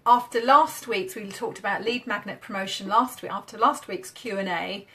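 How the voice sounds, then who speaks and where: Bright chatty British woman on a webcam. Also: mid-range voice, moderate pace. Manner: chatty, upbeat, demoing on screen as she talks. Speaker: marketing coach. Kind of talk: casual Facebook Live chat.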